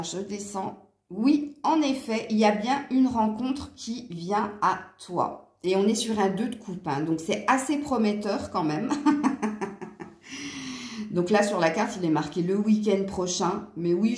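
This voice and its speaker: A woman's voice: mid-range voice, a little mellow. Chatty woman reading tarot, echoey room. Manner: chatty, hesitant, frequent fillers and restarts. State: tired from poor sleep. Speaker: tarot card reader. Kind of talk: casual tarot reading to viewers.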